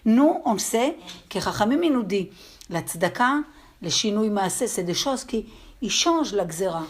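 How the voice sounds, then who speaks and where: With a medium-pitched, animated voice, a woman with an accent teaches religion to a group. She tells her stories in fits and starts, often pausing to confirm the listeners are following.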